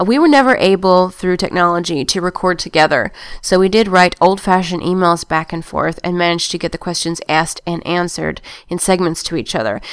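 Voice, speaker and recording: Smooth-voiced female podcast host. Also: lowish voice, no room sound, clean studio sound. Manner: friendly, explanatory, reads steadily. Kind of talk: podcast introduction.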